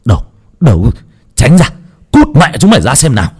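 A man's voice: low voice, lively intonation, fast, a little mellow. A man voicing a hot-tempered young master of a wealthy house who barks orders at his servants. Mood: furious. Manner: gruff, barking, domineering.

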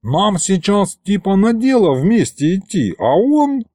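A man's voice: sits high, wildly swooping pitch, unhurried, a little mellow, slightly rough, no room sound, clean studio sound, pitched above the performer's own voice, exaggerated voice. A man voicing a streetwise male imp with hooves and a pig snout who talks in slang and fawns over his boss. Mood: cocky.

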